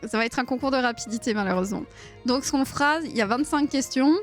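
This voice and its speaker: A woman's voice: fairly high pitch, quick pace, soft background music. A woman in her thirties hosting a live quiz stream, chatting playfully with viewers and giggling often. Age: 30s. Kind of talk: casual live-stream chat.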